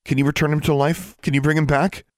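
A man's voice: fairly low pitch, normal speed, darkish tone, no room sound, clean studio sound, pitched above the performer's own voice, close to an everyday voice. A man voicing Alexandra, a brave but nervous young witch, with an earnest, lifted voice. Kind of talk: audiobook character voice.

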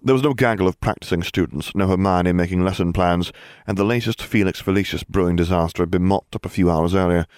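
A man reading a story aloud as narrator, with a wry, expressive delivery. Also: sits low, quick pace, smooth, no room sound, studio quality. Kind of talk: audiobook reading of fan fiction.

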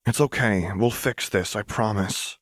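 A man voicing a gentle, worried young woman who speaks softly and carefully. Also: on the low side, measured pace, no room sound. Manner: soft, coaxing, careful.

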